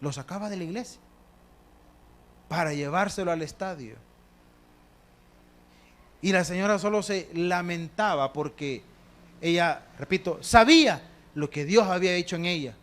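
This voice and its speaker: A man with a Salvadoran Spanish accent, a pastor preaching a sermon, telling stories with acted quotes and swinging between hushed and loud delivery. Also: high voice, normal speed, long pauses. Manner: addresses the congregation as brothers.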